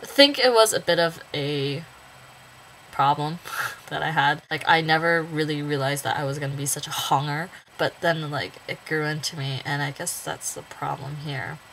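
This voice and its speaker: Twenties girl vlogging at home, kinda low voice, rambly and jokey, lots of likes, faint hum behind. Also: normal speed, fairly bright tone, low-quality recording. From Washington State, USA. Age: 20s. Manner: chatty, jokey, lots of "like" fillers, swings into silly character voices. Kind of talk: casual vlog monologue.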